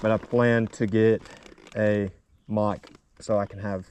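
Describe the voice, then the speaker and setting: A man's voice: on the low side, flat delivery, slow, darkish tone, slight background noise. A man vlogging casually while riding a small dirt bike, his voice muffled inside a helmet and picked up by a camera on his chest. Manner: rambling, chatty, upbeat. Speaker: motovlogger. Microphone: chest-mounted action camera.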